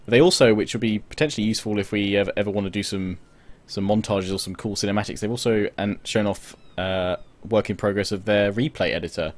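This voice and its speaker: A man's voice: lowish voice, fairly even intonation, fast talker, hardly any pauses, slight background noise. A man co-hosting a casual gaming podcast over a video call, rambling with lots of restarts and fillers. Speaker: podcast co-host. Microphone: webcam video call.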